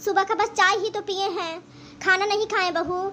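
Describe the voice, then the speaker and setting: A woman voicing a frail, meek old mother-in-law in a cartoon family drama, pleading in a high, bright voice. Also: fairly even intonation, moderate pace. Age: over 60 (figure). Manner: pleading, tearful.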